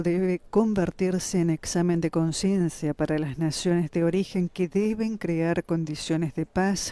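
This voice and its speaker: A man's voice: high-pitched, mellow. A man giving live broadcast commentary on a religious ceremony.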